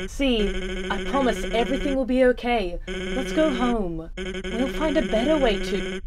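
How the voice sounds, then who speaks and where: A woman voicing a playful, confident skeleton artist guardian in an animated fan dub, casual and teasing but caring. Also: medium pitch, unhurried, over a noisy crowd, close to an everyday voice. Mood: confident, reassuring. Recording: music behind the voice.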